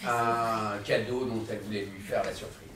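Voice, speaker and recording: A man's voice: on the low side, fairly even intonation, normal speed, fairly bright tone, slight background noise, natural voice. A man playing an ambitious notary clerk in a stage comedy, explaining himself evasively with small stammers. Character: ambitious, smooth-talking young male notary clerk. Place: theatre stage. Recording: echoey hall from far off.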